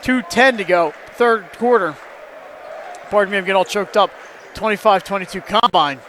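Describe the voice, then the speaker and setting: A man calls a basketball game play by play in a high, light voice. He is quick and jokey and gets louder on the big plays. A faint murmur of gym noise sits behind him. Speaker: play-by-play announcer. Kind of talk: live basketball play-by-play commentary.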